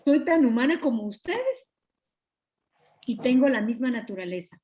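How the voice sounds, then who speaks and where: A woman, a pastor's wife, teaching a Bible study over a video call with a Guatemalan Spanish accent, earnest and confiding, often clearing her throat. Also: on the high side, sing-song, normal speed, dark tone. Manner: earnest, confiding, acts out quoted dialogue.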